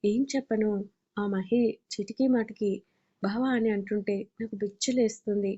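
A woman's voice: medium pitch, fairly even intonation, normal speed, mellow, breathy edge, natural voice. A woman voicing an angry young father who speaks curtly and impatiently, in a slightly dull recording. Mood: irritated. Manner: curt, irritated.

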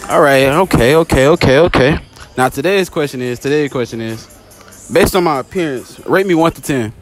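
A young man does a loose street interview in a shopping mall, holding out his phone to strangers. His talk is upbeat and playful, full of repeated lines. Loud music and crowd noise sit under the phone audio. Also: on the high side, a little fast. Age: young adult. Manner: repetitive, upbeat, joking. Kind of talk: casual public interview. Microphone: phone held out.

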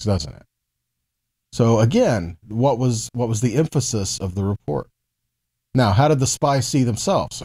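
Speaking in a warm, mid-range voice, a man in his forties gives an emphatic, conversational Bible lesson to camera. He reads verses and poses rhetorical questions as he teaches.

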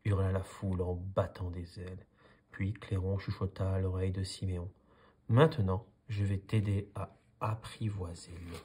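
A man calmly reading a children's story aloud in a soothing manner. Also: sits low, slightly rough. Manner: calm, soothing. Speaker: storybook reader. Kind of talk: calm read-aloud story.

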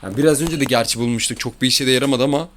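A man's voice: medium pitch, very fast, slight background noise. A man giving casual commentary over his own football video game match, grumbling and exasperated about his mistakes and bad luck. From Turkey. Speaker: gaming YouTuber.

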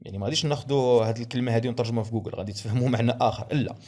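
A young man with a Moroccan Arabic accent lecturing on language teaching methods. He reads English headings slowly, then explains them in Darija. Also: mid-range voice, a little mellow.

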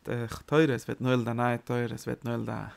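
Guy giving a torah class, gravelly voice, gets worked up in bursts, throws in english words. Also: mid-range voice, a little fast. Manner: animated, emphatic bursts, mixes in English words. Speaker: Torah teacher. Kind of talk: religious lecture.

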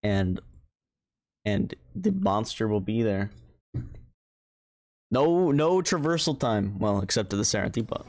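Very animated yet a little slow, with long pauses, this streamer's fairly low, slightly mellow voice fills a casual gameplay livestream. Swearing freely and teasing himself, he talks from an indoor streaming setup with game music in the background.

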